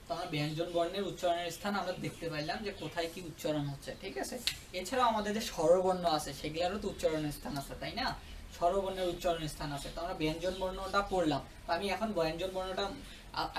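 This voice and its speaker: A man's voice: high voice, distant mic, background noise. A male tutor explaining a grammar lesson, often stopping to ask if students follow. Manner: checks understanding with repeated questions. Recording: roomy echo, away from the mic.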